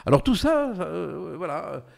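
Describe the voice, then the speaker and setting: A man's voice: on the high side, big pitch swings, measured pace, gravelly. An older man hosting a political talk show, speaking emphatically with many fillers and restarts. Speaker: host, political commentator.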